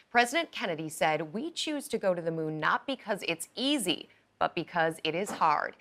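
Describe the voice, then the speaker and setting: A woman's voice: fairly low pitch, a bit bright. A woman in her thirties hosting a live television broadcast, upbeat and enthusiastic as she introduces guests and asks questions. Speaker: host. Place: television studio.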